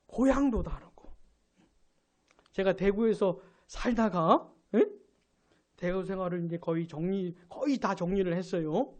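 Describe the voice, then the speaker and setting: A male pastor giving a live Sunday sermon, asking his congregation questions and building to loud emphatic peaks. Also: high-pitched. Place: church sanctuary.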